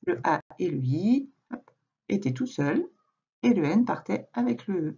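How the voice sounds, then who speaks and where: A woman teacher recording a reading lesson for a young child at home, speaking slowly and patiently, addressing the child directly. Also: medium pitch, lively intonation, gravelly, dark tone, slightly rough, highs cut off. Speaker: primary school teacher.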